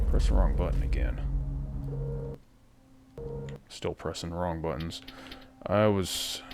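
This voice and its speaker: A man giving casual, crude, joking gameplay commentary that rambles as he plays. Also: low-pitched. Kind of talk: casual let's-play commentary. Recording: game music loud behind the voice.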